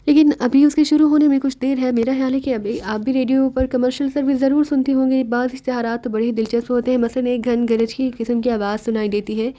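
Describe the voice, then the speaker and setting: A woman's voice: high-pitched, fairly even intonation, few pauses, warm tone, natural voice. Woman voicing a sly rambling male detective. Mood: teasing. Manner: rambling, mocking, teasing. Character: sly joking male detective, young man.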